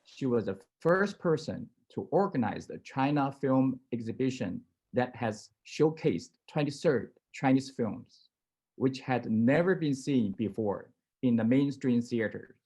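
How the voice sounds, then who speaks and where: A man with a mid-range voice introduces a keynote speaker at a ceremony. He reads from prepared notes, pausing now and then on fillers. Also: medium pitch, lively intonation, mellow, husky. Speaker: former association president introducing a speaker.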